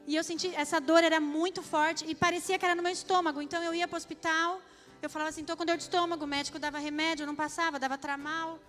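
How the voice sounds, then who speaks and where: A woman with a high voice tells her story as a church testimony, turning often to the congregation. Her delivery is heartfelt and direct. A faint guitar plays behind her. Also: level tone, quick pace, a bit bright. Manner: emotional, addresses the audience directly. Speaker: church speaker giving testimony. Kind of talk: testimony sermon.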